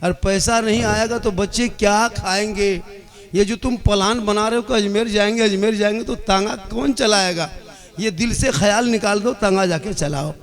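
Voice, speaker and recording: A man's voice: sits high, normal speed. A man voicing a practical wife who scolds her husband, in his own everyday voice. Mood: scolding. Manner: reproachful, nagging.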